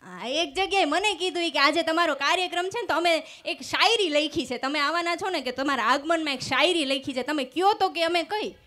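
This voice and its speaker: A woman's voice: high voice, a little fast, few pauses, pushed and bright. A woman doing stand-up comedy on stage into a microphone, telling stories with acted-out dialogue and punchlines. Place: stage before a live audience.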